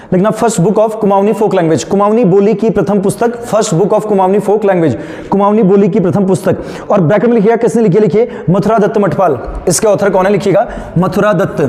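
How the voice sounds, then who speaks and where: A male teacher dictating notes to students, repeating phrases, slowing down for them and asking check questions that he answers himself. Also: sits high, darkish tone. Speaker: current affairs teacher. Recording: echoey room, faint background noise.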